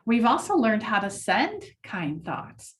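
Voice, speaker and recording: A woman leading a children's mindfulness lesson, speaking gently and encouragingly to the class. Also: mid-range voice, very animated, slow pace, distant mic.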